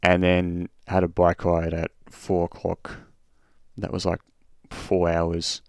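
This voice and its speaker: A man's voice: deep voice, monotone, takes it slowly, smooth, no room sound, clean studio sound. A man hosting a racing stream, chatting casually and short on sleep, rambling with restarts and swearing. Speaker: streamer and race host. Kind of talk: casual chat over a race replay.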